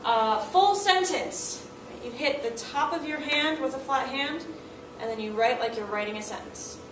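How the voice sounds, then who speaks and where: A woman language teacher with a high voice explains classroom signals at a moderate pace, animatedly acting out what students and the teacher say. The echoey room, distant mic, and background noise are audible.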